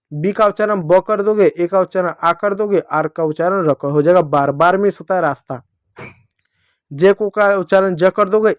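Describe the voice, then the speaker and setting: High-voiced man teaching phonics to children. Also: no room sound, studio quality. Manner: repetitive, asks and answers own questions. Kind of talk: classroom phonics lesson.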